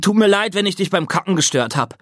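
A man voicing a brash, teasing teenage boy who talks loud and cocky, with his voice pushed well above his own. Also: high-pitched, animated, quick pace, no room sound, studio quality, pitched above the performer's own voice.

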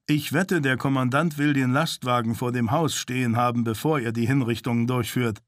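A man's voice: mid-range voice, steady tone, normal speed, dry recording, natural voice. A man playing a stern commanding officer. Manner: curt, authoritative.

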